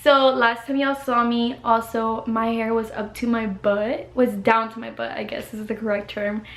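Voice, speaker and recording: A college student vlogger in her 20s chats casually to camera from her bedroom while getting over the flu, giggly and full of "like" and "y'all." Her fairly high voice is flat in delivery at a normal speed, with a reverberant sound.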